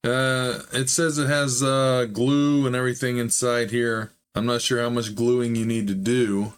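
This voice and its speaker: A hobby model-building channel host narrates a casual build vlog in a slightly hoarse, medium-pitched voice, still recovering from a chest illness. He's easygoing and rambling, with little pitch movement, an unhurried pace, and frequent "uh" fillers.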